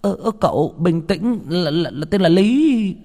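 A man's voice: fairly high pitch, expressive, moderate pace, big-room sound, voice pushed up. A man voicing a nervous, stammering young male servant in a ghost story. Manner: stammering, eager.

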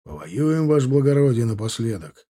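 A man's voice: mid-range voice, big pitch swings, normal speed, warm tone. A man voicing a stoic, grumbling veteran non-commissioned officer in an audiobook, in a folksy soldier's manner. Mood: grim. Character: older male veteran NCO, gruff, stoic.

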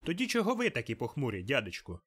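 A man voicing Scrooge's cheerful, warm-hearted young nephew in an audiobook, with an eager, pleading tone. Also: medium pitch, expressive, brisk, close to an everyday voice. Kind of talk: audiobook character reading.

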